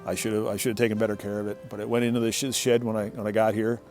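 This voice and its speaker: A man's voice: lowish voice, level tone, racing, a little mellow, soft background music. A middle-aged man telling a casual, rambling story from his shed workshop, often restarting and repeating words. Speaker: motorcycle owner telling a story.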